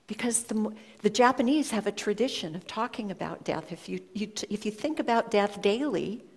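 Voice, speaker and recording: A woman giving a reflective storytelling talk to an audience, speaking in an earnest, measured way with pauses. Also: medium pitch, animated, breathy edge. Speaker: speaker sharing a personal story.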